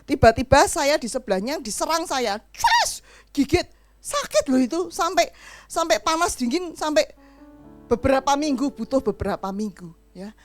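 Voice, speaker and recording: A middle-aged woman preaching a sermon in an animated storytelling way, acting out the voices of the people in her stories. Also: high voice, moderate pace, dry recording, soft background music.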